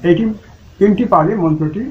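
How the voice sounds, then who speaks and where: A man with a Bengali accent teaching Sanskrit pronunciation, chanting mantras slowly and then explaining them plainly. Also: high-pitched. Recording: muffled, lo-fi recording with faint noise.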